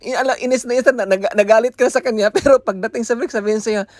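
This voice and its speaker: A man's voice: extremely high pitch, steady tone, fast talker, a little mellow, dry recording, studio quality. A man from the Philippines telling a casual vlog story, switching between Tagalog and English and often laughing as he talks. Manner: chatty, laughs often through his stories. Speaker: vlogger.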